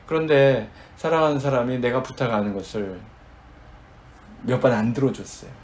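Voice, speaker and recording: A man's voice: mid-range voice, expressive, moderate pace, a little mellow. A man preaching a sermon as pastor, addressing the congregation and acting out dramatic quoted prayers.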